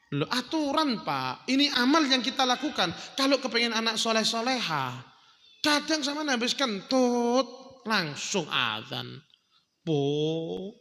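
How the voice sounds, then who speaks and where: A male preacher, giving a lively, joking sermon at a family celebration and sometimes chanting. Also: high voice. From Indonesia. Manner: animated, humorous, addresses the audience as "Pak", chants the call to prayer. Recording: echoey hall.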